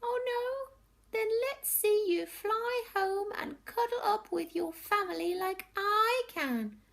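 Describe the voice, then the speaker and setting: Woman doing a squeaky chirpy bird, very high, bit mean. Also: animated, takes it slowly, gravelly, a bit bright, heavily acted. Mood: mocking. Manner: cheeping, teasing. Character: small chirpy bird, mocking.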